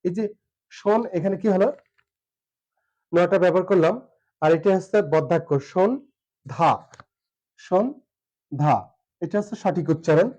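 High-voiced Bangladeshi Bengali teacher, lo-fi. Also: male voice, brisk, long pauses, mellow. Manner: hesitant, many filler sounds, repeats and spells out syllables. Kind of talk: online pronunciation lesson.

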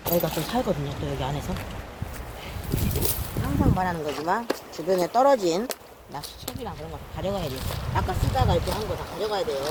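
A man vlogging outdoors while he fishes, with a lively, jumpy pitch. He sways between sheepish, mumbled apologies and loud, exasperated rants. Wind and water hiss loudly across the recording. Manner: self-mocking, swings between mumbled apologies and loud frustrated outbursts. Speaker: fishing vlogger. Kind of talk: casual solo vlog narration.

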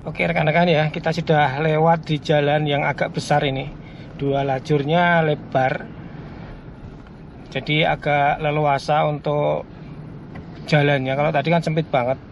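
A fairly high-voiced man talks through a road trip from behind the wheel, chatty and easygoing with his viewers. The sound is a little muffled, with a faint hum of the car underneath. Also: little pitch movement, unhurried, creaky, pauses often. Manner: chatty, keeps addressing viewers as colleagues. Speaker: car vlogger driving. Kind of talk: casual driving commentary. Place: inside a moving car.

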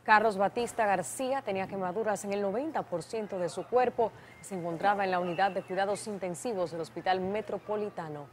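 A woman's voice: medium pitch, a little fast, few pauses, slight background noise. A woman with a Dominican accent reading scripted studio news as anchor.

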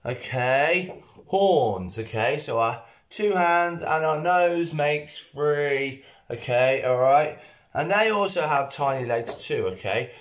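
A man leading a toddlers' PE class, speaking slowly and patiently and checking in with "okay? all right?" after nearly every phrase. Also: a little high. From United Kingdom. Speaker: kids' PE instructor. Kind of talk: children's exercise class. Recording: echoey room.

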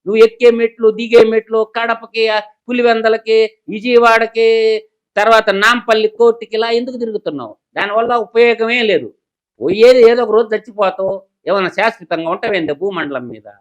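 Fiery high-voiced male political analyst. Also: lo-fi sound. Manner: combative, rapid rhetorical questions. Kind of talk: heated political commentary.

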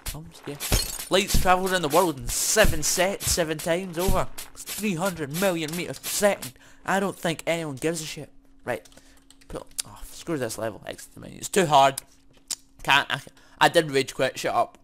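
A man giving excitable, sweary commentary while playing a game, muttering to himself as he goes. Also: on the high side, normal speed, a little hiss or hum. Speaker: gaming YouTuber. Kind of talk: casual let's-play commentary.

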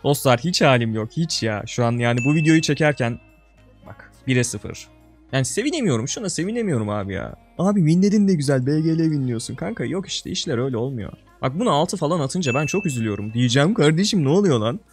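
A young man giving casual gameplay commentary as a video creator. He talks to viewers like a buddy in slang and swings from loud outbursts to low mutters. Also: animated, fast, faint music behind.

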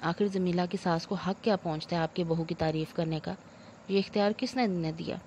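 A woman's voice: fairly low pitch, fairly even intonation, a little mellow, slight background noise, lightly acted. A woman doing a patient young husband. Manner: measured, reasoning. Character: composed young husband, patient and dry-humored.

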